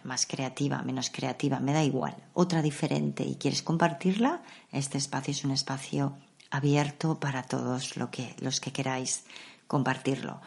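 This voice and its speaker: A woman hosting a reflective podcast on meditation, explaining practices in a calm, conversational way. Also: a bass voice, gravelly. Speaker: podcast host.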